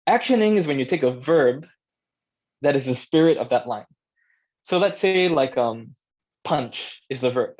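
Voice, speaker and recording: In dull, lo-fi, band-limited audio, an audio drama director runs an informal workshop, thinking aloud and checking in with listeners in a conversational way. His medium-pitched voice has a darkish tone and stays animated, though he speaks a little slowly with long pauses.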